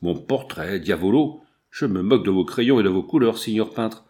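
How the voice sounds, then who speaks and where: Man reading as a bandit chief, greedy, mocking, low-pitched, Italian oaths. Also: expressive, moderate pace, a little mellow, close to an everyday voice. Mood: scornful. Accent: Italian words sprinkled in French. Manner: sneering, scornful.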